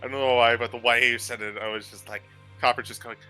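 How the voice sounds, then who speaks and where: A man's voice: medium pitch, level tone, fast, bright, forceful tone, soft background music. A man playing a tabletop role-playing game, chatting casually and joking with the others. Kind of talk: casual chat and in-character banter.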